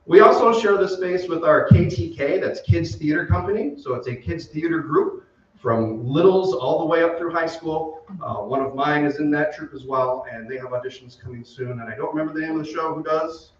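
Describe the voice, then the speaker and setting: A middle-aged community theater director gives a casual, off-the-cuff welcome speech from a theater stage to an audience, his voice a little high and brisk. The recording is muffled, with a distant mic in a very echoey hall.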